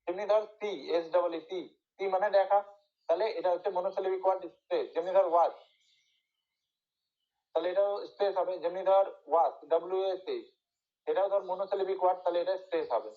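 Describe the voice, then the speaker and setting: High-voiced man teaching, lo-fi sound. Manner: repeats points, keeps checking if students understood. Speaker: English teacher. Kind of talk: lecture to students.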